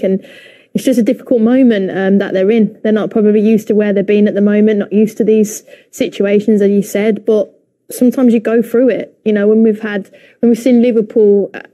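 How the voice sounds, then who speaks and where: Hesitant young woman pundit, mellow. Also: mid-range voice. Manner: hesitant, many fillers. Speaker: football pundit. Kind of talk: studio punditry. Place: TV studio. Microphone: lapel.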